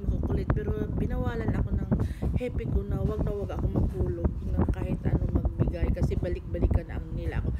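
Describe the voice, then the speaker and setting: A woman vlogger chatting casually to her viewers about her time as cruise ship crew, rambling with many fillers. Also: medium pitch. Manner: addresses viewers as guys. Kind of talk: casual storytelling vlog. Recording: loud background noise.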